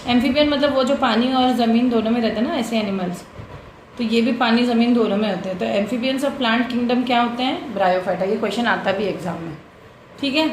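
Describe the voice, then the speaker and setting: A young adult woman teaches a biology lesson, mixing in English terms, explaining step by step and often checking that students follow. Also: fairly high pitch. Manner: has students repeat terms after her. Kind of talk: bilingual classroom lecture. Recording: echoey room with faint background noise.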